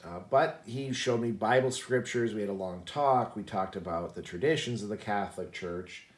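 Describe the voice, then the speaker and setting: A man's voice: fairly low pitch, moderate pace, echoey room. A man hosting a casual vlog, telling a personal story in a rambling way with many fillers and restarts. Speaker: channel host.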